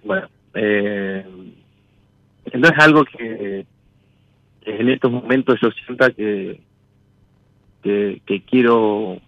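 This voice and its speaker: A man's voice: on the low side, no echo, highs cut off. A man speaking hesitantly and in a roundabout way as a caller in a personal consultation. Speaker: caller seeking a tarot consultation.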